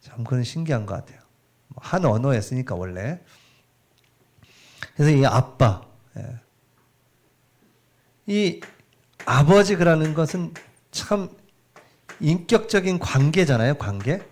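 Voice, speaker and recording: A middle-aged man preaching a sermon in a church, chatty and animated, asking the congregation questions as he goes. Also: a little high, measured pace, pauses often. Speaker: pastor. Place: church sanctuary.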